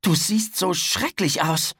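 Storybook boy, cheeky but timid, raised pitch and husky, read by a man. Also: slow pace, fairly bright tone, no room sound, studio quality, full character voice. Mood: boyish.

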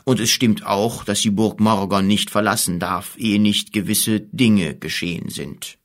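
A man voicing an old, scheming male wizard who speaks slowly and coaxingly. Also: fairly low pitch, fairly even intonation, close to an everyday voice. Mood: calm persuasive. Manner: slow, measured, coaxing.

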